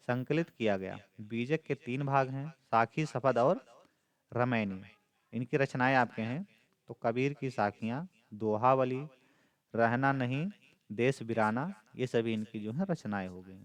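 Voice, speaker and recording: A man, a teacher going through a model exam paper, repeating points steadily with frequent fillers. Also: medium pitch.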